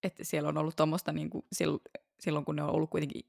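A woman's voice: sits low, little pitch movement, creaky, darkish tone, no room sound, clean studio sound. A woman co-hosting a podcast in casual chat, mostly giving brief agreeing interjections. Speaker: podcast co-host.

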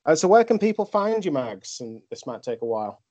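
A man's voice: on the high side, big pitch swings, fairly quick, mellow, no room sound. A man hosting a podcast in a casual, conversational review style. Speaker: podcast host. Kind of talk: casual wrestling review chat. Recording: dull, dry lo-fi microphone.

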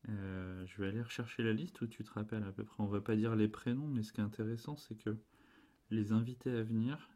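A man's voice: lowish voice, steady tone, a little fast, warm tone. A man co-hosting a casual family podcast, talking patiently and drawing out answers with questions, sometimes translating English into French. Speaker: podcast co-host and parent. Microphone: desk podcast microphone.

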